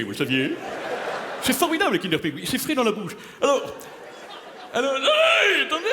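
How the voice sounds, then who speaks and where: Using a very high, heavily acted voice, a man improvises a pompous, self-important playwright for a live audience, declaiming grandly and laughing at his own jokes. It's a comedian's character act, heard in an echoey hall with loud crowd noise.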